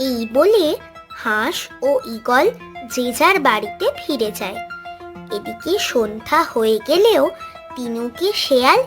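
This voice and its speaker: A woman narrating a children's cartoon story in an expressive way. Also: a little high, measured pace. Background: background music.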